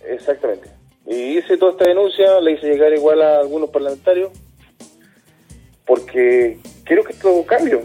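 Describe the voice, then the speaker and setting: A man, a dismissed youth care worker, answering in a radio interview in an earnest, halting way, often repeating words. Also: on the high side, expressive, mellow, faint music behind.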